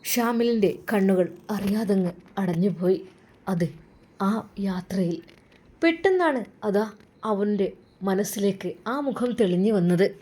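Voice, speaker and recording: A woman's voice: mid-range voice, steady tone, a little slow, breathy edge. A woman with a Malabar Malayalam accent narrating a family story in a dramatic, casual storytelling manner. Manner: dramatic, warm storytelling with religious greetings.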